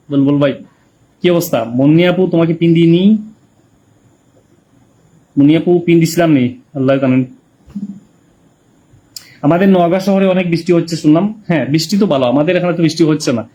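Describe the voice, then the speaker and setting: A man's voice: on the high side, brisk, long pauses, mellow. A man with a Sylheti Bengali accent chatting casually on a live stream, reading viewers' comments and greeting them by name.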